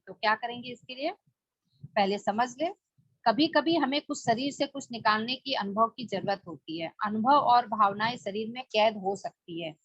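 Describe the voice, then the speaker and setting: A woman's voice: a little high, fairly bright tone, husky, no room sound. A woman leading a spoken book study, explaining plainly with rhetorical questions. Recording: dull lo-fi dry recording.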